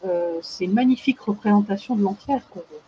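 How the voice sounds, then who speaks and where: A woman's voice: mid-range voice, a little fast, dark tone, slightly rough, rough recording. A woman explaining as a guest expert in casual talk, hesitant, with many fillers and restarts.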